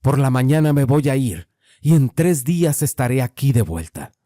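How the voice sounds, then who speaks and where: A man voicing an older rural mountain man, grave and wary, speaking slowly and low. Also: animated, warm tone, no echo, clean studio sound, lightly acted. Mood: grave warning.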